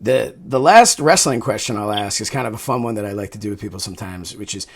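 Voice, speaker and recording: A man's voice: on the low side, fast talker. A man hosting a show and interviewing a guest, earnest and hesitant, with fillers as he asks questions. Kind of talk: interview and scripted show outro.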